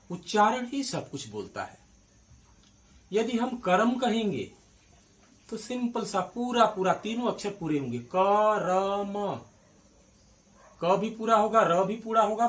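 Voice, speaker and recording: A high-voiced man teaches grammar slowly and with lively rises and falls in pitch. He breaks words into their sounds and keeps asking the class if it is clear. His voice is picked up from some distance away. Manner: explains step by step, repeats and spells out syllables, asks checking questions. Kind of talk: classroom-style grammar lesson at a board.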